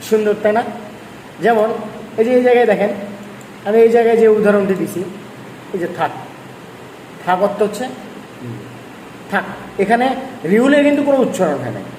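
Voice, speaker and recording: A man's voice: high-pitched, expressive, fairly quick, long pauses, darkish tone. A male language teacher explaining a lesson patiently, repeating points and urging his students to practice. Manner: repetitive, coaxing explainer. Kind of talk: online lesson. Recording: echoey room, faint noise.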